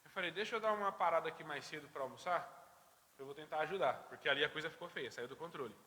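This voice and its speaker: A man teaching a church Sunday school class, telling a story in a lively way and acting out the voices. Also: a little high, very fast, a little hiss or hum. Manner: lively storyteller who acts out dialogue. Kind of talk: anecdote told to a church class. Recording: reverberant church hall.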